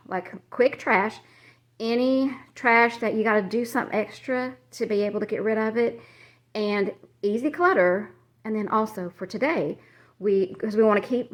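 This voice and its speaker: A woman narrating a casual decluttering vlog as she walks through her home, chatty and rambling, a little out of breath, laughing at herself. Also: a little high. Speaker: vlogger. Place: cluttered home, moving between rooms.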